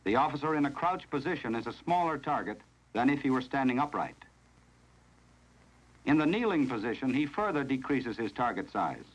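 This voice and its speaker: On an old film soundtrack, a mid-range American male voice delivers scripted, formal narration with the measured instructional tone of a 1970s training film. His reading is sing-song, and the audio sounds dull.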